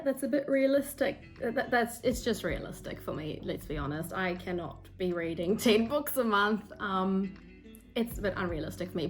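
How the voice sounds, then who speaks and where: This book vlogger is a young woman from South Africa, speaking with a South African accent and Afrikaans as her first language. In a fairly high, fairly bright voice, she talks casually and self-deprecatingly to camera, saying um often, recorded on a phone or camera mic at her desk.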